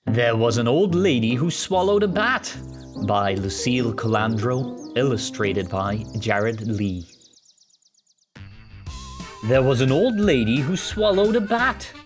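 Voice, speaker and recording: A woman's voice: rumbling low, animated, takes it slowly, soft background music. A woman storyteller reading a children's picture book aloud.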